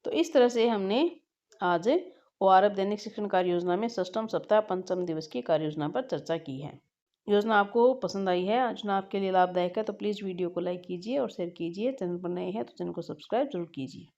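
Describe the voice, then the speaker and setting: Mellow-voiced woman teacher explaining a lesson plan. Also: mid-range voice, muffled recording. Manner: measured, step-by-step explaining.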